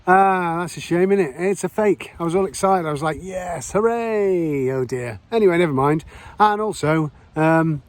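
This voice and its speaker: A man chatting casually to camera as he metal detects in a pasture field, self-deprecating and quick to exclaim. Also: on the high side. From United Kingdom. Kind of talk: casual self-filmed commentary. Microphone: chest cam or handheld camera.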